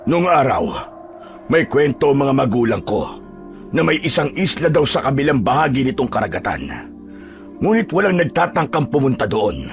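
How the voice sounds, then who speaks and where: Man doing a gravelly, skeptical village chief. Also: medium pitch, big pitch swings, moderate pace, soft background music, voice pushed up. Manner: brusque, questioning, cautioning. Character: gruff middle-aged village chief, skeptical but cautious.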